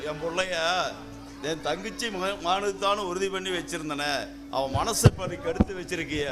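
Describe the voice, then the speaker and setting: A man's voice: sits high, moderate pace, natural voice. A man acting a stern, domineering village father in a stage drama, scolding and commanding. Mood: reproachful. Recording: stage recording with loud music behind.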